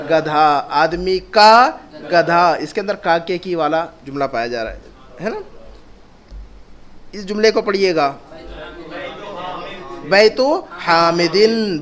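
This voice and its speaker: A male Arabic teacher gives a classroom grammar lesson, his voice sitting fairly high. He is patient and drills every phrase twice, slowly, and keeps asking the class what things mean. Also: expressive, fairly bright tone. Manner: patient, repeats each phrase slowly, asks questions.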